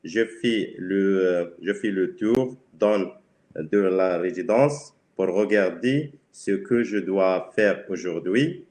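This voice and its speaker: Slow Spanish-accented man in an echoey room. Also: low voice, darkish tone. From Spain. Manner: halting, searching for words. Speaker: cleaner, webinar guest. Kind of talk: simple self-presentation.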